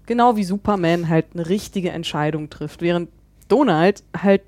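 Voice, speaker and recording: A woman hosting a casual podcast, playful and quick to laugh, steering the talk with questions. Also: lowish voice, a little mellow, no room sound. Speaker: podcast host.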